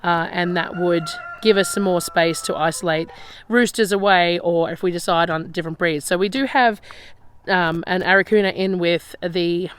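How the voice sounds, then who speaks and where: Gravelly-voiced Australian woman, outdoors among noisy poultry. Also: on the low side, moderate pace. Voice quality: gravelly, slightly raspy. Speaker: vlogger showing her homestead. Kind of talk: casual walk-and-talk chat. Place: outdoors by chicken pens on a rural property. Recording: outdoor farm noise, loud poultry. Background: roosters crowing, hens clucking, guinea fowl.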